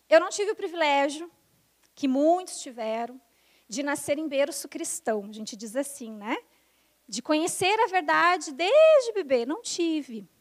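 A woman speaks to a congregation in a large church hall, her high voice carried by a handheld mic. She talks in a chatty way, often checking in with the listeners. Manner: conversational, asks the audience questions. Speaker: speaker giving a testimony. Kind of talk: church testimony talk to a congregation. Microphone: handheld mic at a pulpit.

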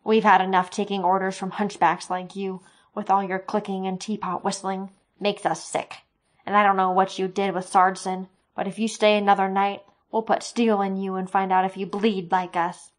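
A woman voicing a hostile male soldier in a storybook reading, who speaks loudly and makes blunt threats. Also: mid-range voice, little pitch movement, normal speed, close to an everyday voice. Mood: defiant. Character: hostile human soldier man, blunt and defiant.

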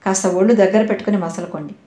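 A woman voicing a young working woman who answers curtly and indignantly in an audio novel, in a mellow voice with a roomy echo. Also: mid-range voice, rapid-fire, close to an everyday voice. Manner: curt and indignant.

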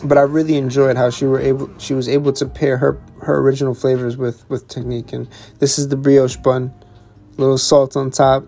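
Excited young man reviewing food. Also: mid-range voice, brisk, vocal fry, faint music behind. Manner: enthusiastic, repeats words, restarts. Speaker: chef and food vlogger. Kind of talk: casual narration of a tasting menu.

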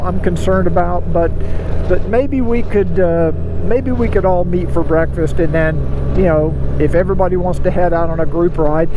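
A middle-aged man hosting a motorcycle vlog while riding, chatting in a rambling way that keeps correcting itself, recorded on a helmet mic. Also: high voice. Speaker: motovlog host. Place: outdoors on a moving motorcycle. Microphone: helmet-mounted mic. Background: road and traffic noise.

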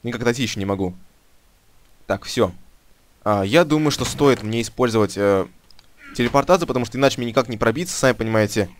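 A young man commentating his own game as he plays, shouting and swearing under fire, then mumbling to himself while looting. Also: medium pitch, lively intonation, fast, long pauses, slight background noise. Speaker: gamer commentating his playthrough. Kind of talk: solo let's-play commentary. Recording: game music loud behind the voice. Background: game music and gunfire.

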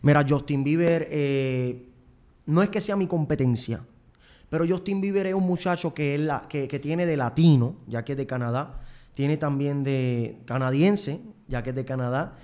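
Speaking into a close desk mic with headphones on, a young host and singer from Puerto Rico rambles through a comic monologue on a studio set, repeating himself and promoting his own work. His voice is fairly high in pitch but dark in tone, with a Puerto Rican accent.

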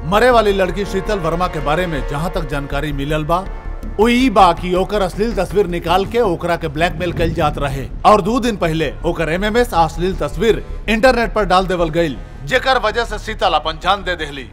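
A man's voice: sits high, normal speed, fairly bright tone. A man acting as a grave, insistent news reporter questioning a minister in a film, with a Bhojpuri accent and formal, pointed delivery. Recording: music behind the voice.

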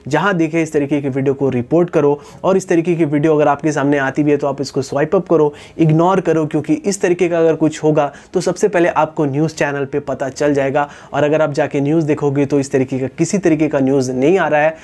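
A man in his twenties with an Indian accent explains things straight to camera as a YouTube host. His fairly high, slightly mellow voice moves briskly with fairly even intonation and few pauses. He wears a lapel mic in a small indoor room against a wall.

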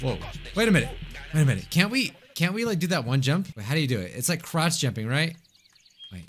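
A high, animated young male voice gives casual gameplay commentary. He rambles excitably into a close desk mic, with faint music underneath. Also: fast. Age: young adult. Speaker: gaming video host. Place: small room indoors. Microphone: close desk microphone with headset.

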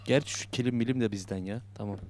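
This young man's voice is lowish, steady, and darkish, and he talks fast, with slight background noise behind him. As a gaming YouTuber playing a horror game, he jokes, mutters to himself, and yelps when startled.

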